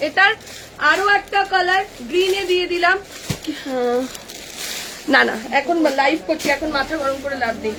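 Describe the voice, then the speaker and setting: A woman with a Kolkata Bengali accent, selling clothes on a live stream, brisk and chatty as she reels off sizes and prices. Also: very high-pitched, fairly even intonation, background noise. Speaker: online kurti seller. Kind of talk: live-stream sales pitch. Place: clothing shop.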